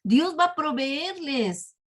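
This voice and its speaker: A woman's voice: high-pitched, very animated, takes it slowly, voice pushed up, heavily acted. A woman voicing a weary older male leader who earnestly pleads with God. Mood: pleading. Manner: earnest, imploring.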